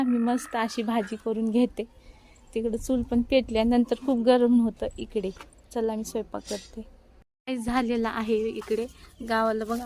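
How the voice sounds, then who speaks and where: A chatty woman with a voice on the high side vlogs outdoors on her phone camera at a village home beside a wood stove. Her casual narration keeps pointing things out to viewers.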